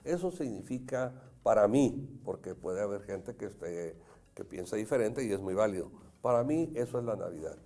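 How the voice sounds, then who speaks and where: With a fairly low, dark-toned and expressive voice at a moderate pace, this middle-aged Mexican-accented man from Jalisco hosts a casual talk show, earnestly sharing stories and addressing the audience.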